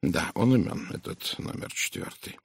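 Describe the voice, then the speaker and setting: Poirot, a man's soft, measured detective voice. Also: deep voice, lively intonation, vocal fry, breathy edge, no room sound, studio quality, exaggerated voice. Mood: knowing. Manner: soft, measured, hushed and knowing. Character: shrewd, precise older male detective.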